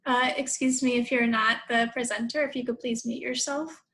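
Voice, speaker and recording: A woman hosting a video-call webinar, her voice fairly high and gravelly. She reads an artist's introduction in a flat, even tone. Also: normal speed, poor audio. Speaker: webinar host. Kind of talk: introducing a speaker.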